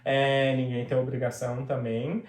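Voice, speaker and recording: A man from São Paulo, co-hosting a casual chat, relaxed and halting with many pauses. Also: mid-range voice. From São Paulo, Brazil. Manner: hesitant, relaxed, halting speech. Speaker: co-host. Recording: echoey room.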